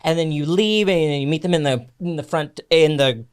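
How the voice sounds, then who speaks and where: A man co-hosts a casual podcast and speaks as a realtor. He is blunt and swears constantly, tossing out jokingly mean asides. His talk is relaxed, offhand chat. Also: on the high side, smooth. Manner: blunt and heavily profane; jokingly mean, mocks people in quick impressions.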